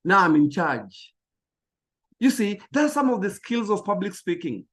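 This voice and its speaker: A man with a high voice delivers a motivational talk on public speaking. He speaks emphatically, hammering on key phrases and often tripping over small words as he pushes on. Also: big pitch swings, unhurried, a bit bright.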